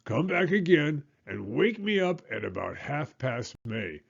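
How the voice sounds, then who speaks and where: A man's voice: on the high side, very animated, gravelly, breathy edge, highs cut off, voice pushed up, full character voice. A man doing a grumpy, sleepy toad. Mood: sleepy grumbling. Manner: sleepy, grumbling, slow.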